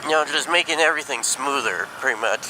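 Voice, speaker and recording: A man talking casually and haltingly inside a helmet while riding a motorcycle, thinking aloud like a vlogger. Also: medium pitch. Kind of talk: casual rambling motovlog talk. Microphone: mic inside helmet. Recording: helmet mic, clear road and engine noise.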